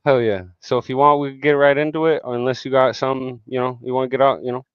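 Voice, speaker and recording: A man's voice: mid-range voice, little pitch movement, fast, clear, resonant tone, no room sound, dull audio. A man hosting a casual podcast interview, hyped and slangy, swearing freely. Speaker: host.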